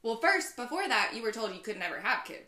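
A woman host keeps a faith podcast moving, joking and steering the talk along. Her voice is bright and sharp, and her pitch swings freely. The room around her is echoey. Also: sing-song, fast talker.

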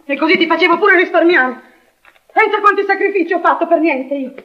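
Bitter mocking wife, very high-pitched, theatrical scolding, muffled old recording. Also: female voice, very animated, measured pace, heavily acted. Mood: aggrieved, confessing. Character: bitter, mocking middle-aged housewife, twenty years married. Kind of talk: theatrical marital comedy-drama acting.

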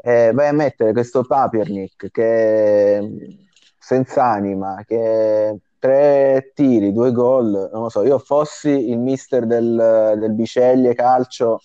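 A man hosting a casual football discussion, halting as he searches for words, in slightly dull, lo-fi audio. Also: medium pitch, mellow, clear, resonant tone, no room sound. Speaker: host of a fantasy football discussion. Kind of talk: casual sports commentary chat.

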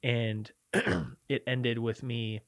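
A man's voice: medium pitch, little pitch movement, very slow, fairly bright tone, no room sound. Reflective man talking in a dry room. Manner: rambling, self-correcting, reflective. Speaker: podcast co-host. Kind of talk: casual faith discussion.

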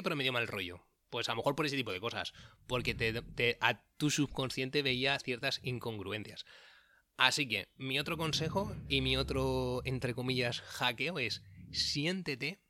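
Bright-voiced Spanish man chatting casually. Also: mid-range voice, dry recording, studio quality. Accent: Spain Spanish. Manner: chatty, self-correcting, frequent fillers. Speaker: podcast host giving dating advice. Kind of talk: casual monologue. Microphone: solo audio recording.

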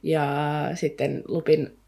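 A woman's voice: deep voice, flat delivery, vocal fry, warm tone, husky. A woman speaking, a podcast co-host casually retelling a story with many fillers and sometimes reading aloud from the book. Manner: rambling retelling with frequent fillers. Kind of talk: casual book discussion with read-aloud passages.

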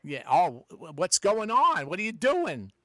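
A man's voice: high-pitched, huge pitch swings, unhurried, fairly bright tone, dry recording. A male radio host chatting casually and taking phone calls.

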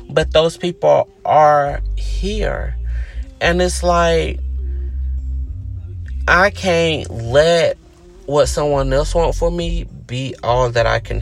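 A man with a fairly high, gravelly voice talks through his thoughts on his own podcast in a slow, earnest, self-reflective way. He sounds casual and conversational, and faint music plays softly behind him. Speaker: podcast host. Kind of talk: reflective solo podcast monologue.

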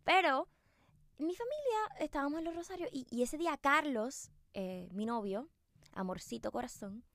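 A chatty woman, hosting her podcast in a relaxed storytelling monologue. Her voice sits fairly high, and she keeps turning to her listeners with fillers and asides. The recording is close and dry. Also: moderate pace, no echo. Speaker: podcast host.

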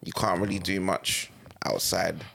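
A man's voice: deep voice, steady tone, measured pace, creaky, pushed and bright. A young man with a London roadman accent, chatting casually in heavy street slang and repeating himself for emphasis.

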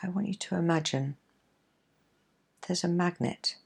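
A woman coach leading a guided relaxation exercise in a gentle, soothing, measured way, leaving pauses between phrases. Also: fairly low pitch, vocal fry, breathy edge. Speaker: coach and podcast host.

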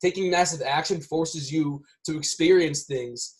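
A man's voice: a little high, measured pace, a little mellow. Rambling man in casual podcast chat. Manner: rambling, many restarts, tags lines with "right?".

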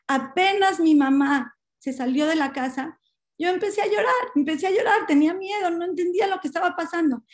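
A woman tells a true story to a gathering of women. Her voice sits high, and her delivery is heartfelt and halting, full of small restarts and repeated words. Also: a little mellow. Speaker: speaker to a women's audience. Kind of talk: emotional storytelling talk.

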